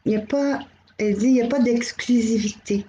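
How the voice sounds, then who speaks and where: A middle-aged woman with a Québécois accent, hosting a live channeling stream, gently relaying messages and greeting viewers by name. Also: fairly high pitch, fairly quick, low-quality recording. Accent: Québécois French. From Quebec.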